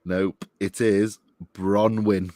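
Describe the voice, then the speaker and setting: A man with a lowish voice speaks very slowly, reading lines in a measured, deliberate way. Between quotes he chats casually and laughs often, recorded close and dry. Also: little pitch movement, warm tone, no echo. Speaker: podcast co-host reading quotes. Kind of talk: casual chat.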